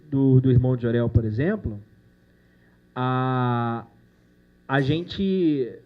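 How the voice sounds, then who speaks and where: A man's voice: on the high side, dull audio. A man who produces animation, giving a casual, joking talk to university students, full of slang and the odd curse. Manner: chatty, jokey, with slang and swearing. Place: university lecture room.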